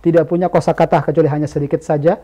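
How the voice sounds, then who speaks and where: A man with a notably high voice giving a religious study lecture. He teaches by constantly quizzing the room with rhetorical questions and answers them himself. His delivery is emphatic and animated. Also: racing. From Indonesia. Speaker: Islamic teacher.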